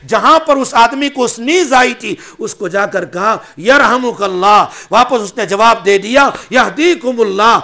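High bright-voiced male preacher. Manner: mixes in English phrases; asks the audience questions. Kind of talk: religious sermon.

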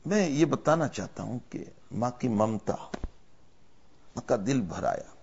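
A man preaching a sermon as a story, with emotive delivery that swells loud and then drops low. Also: big pitch swings, vocal fry, dull audio, slight background noise.

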